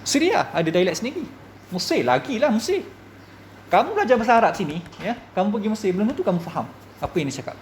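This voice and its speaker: A man with a Malaysian Malay accent, a religious teacher giving a classroom lecture, lively and full of rhetorical questions to his students. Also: high-pitched, fast talker, slight background noise.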